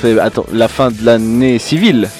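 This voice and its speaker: A man's voice: medium pitch, moderate pace, music in the background. A man hosting a casual podcast chat, playful and giggly, with lots of filler words. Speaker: podcast host.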